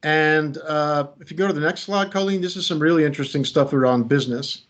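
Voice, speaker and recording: Speaking briskly in a fairly high voice, a middle-aged man from the US coaches creativity in a webinar, joking about himself as he goes through his slides conversationally. The recording comes from a video call and sounds slightly muffled.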